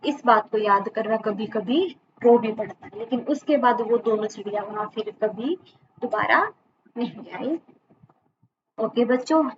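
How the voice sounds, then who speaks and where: A woman teacher explaining a schoolbook story to children, reading each sentence and then saying it again in simpler words. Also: on the high side. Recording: dull lo-fi recording with steady background noise.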